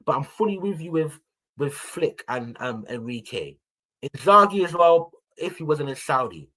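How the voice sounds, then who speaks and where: A young man who regularly appears on a football podcast shares his opinions in animated, slangy banter, calling listeners "people" in this casual fan chat. His voice is fairly high and moderately paced, and the recording quality is low.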